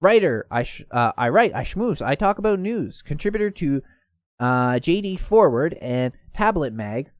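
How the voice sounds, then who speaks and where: A man's voice: a little high, very animated, normal speed, dry recording, clean studio sound. A man hosting casual online news commentary, reading posts aloud and stumbling now and then. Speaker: host.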